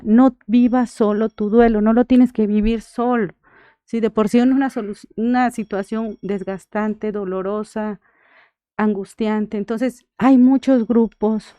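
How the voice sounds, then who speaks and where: Mexican woman, thanatologist on radio, earnest, smooth clear voice, dry sound. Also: mid-range voice, steady tone, unhurried, warm tone, no room sound. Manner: earnest, checks in with frequent "right?". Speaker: thanatologist guest. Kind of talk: radio interview advice.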